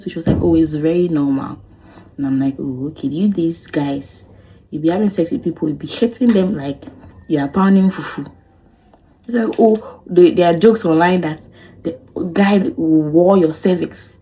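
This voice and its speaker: A woman's voice: low voice, dark tone, a little hiss or hum, rough recording. A young woman telling her own story to camera, dramatic and exclaiming, acting out what each person said. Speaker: vlogger.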